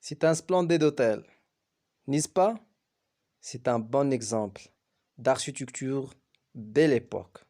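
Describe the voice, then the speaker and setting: A man who teaches French, reading a novel aloud slowly and carefully. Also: medium pitch, warm tone. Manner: slow, careful storybook reading.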